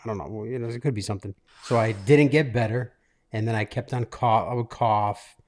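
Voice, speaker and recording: A man in his late thirties hosting a casual podcast from a living room, telling a personal story in a halting, self-interrupting way. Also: fairly low pitch, fairly even intonation, darkish tone. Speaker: podcast host. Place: makeshift studio in a living room.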